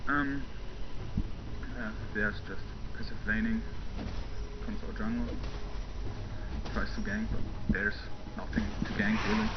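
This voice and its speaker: A young German man rambles casually over gameplay footage, his low, animated voice moving a little slowly with long pauses, fillers and small chuckles. Heavy background noise and game sounds come through a muffled home mic.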